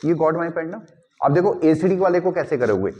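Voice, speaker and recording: Guy teaching chemistry, slightly high voice, keeps asking "got it?" over and over. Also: animated, darkish tone, highs cut off. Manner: keeps checking understanding with quick repeated questions; mixes English phrases into the teaching. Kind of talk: classroom lecture.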